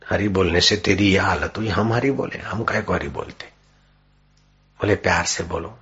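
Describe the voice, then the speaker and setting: A man giving a devotional sermon, telling a story and acting out its characters with dramatic pauses. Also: sits low, fairly bright tone. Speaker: spiritual preacher. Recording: dull lo-fi recording with faint music.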